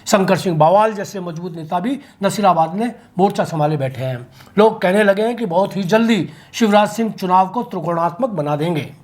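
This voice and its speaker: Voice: medium pitch, fairly quick, a little mellow. A local news commentator reading an opinionated political commentary from a script, with vivid turns of phrase.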